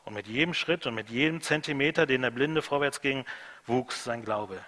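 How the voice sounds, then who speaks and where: A man preaching a sermon, emphatic, repeating key phrases and swinging between loud and hushed delivery. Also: medium pitch, normal speed, in a large hall.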